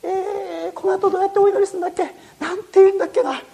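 Storyteller doing a scared little boy, high pitched, stumbling over his prayer, all panicky. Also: little pitch movement, very fast, gravelly, mellow. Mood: pleading. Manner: panicky, pleading, fumbling for words. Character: frightened boy caught by a crocodile.

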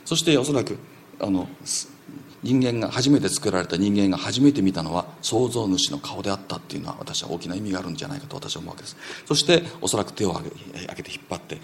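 A man preaching a sermon as a story, animated, sometimes acting out quoted voices and dropping to a whisper. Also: sits low, quick pace, gravelly, slight background noise.

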